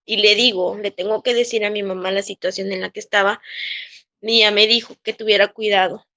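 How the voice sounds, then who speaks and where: This Mexican woman speaks in a mid-range voice that is steady, bright and forceful. Recounting a painful workplace experience in an interview with a Mexican Spanish accent, she acts out what others said and often restarts her sentences, giving emotional personal testimony.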